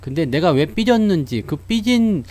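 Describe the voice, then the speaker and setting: Lively, chatty stock commentator man. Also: on the high side, normal speed. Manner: chatty storyteller who laughs often. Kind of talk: casual talk to viewers.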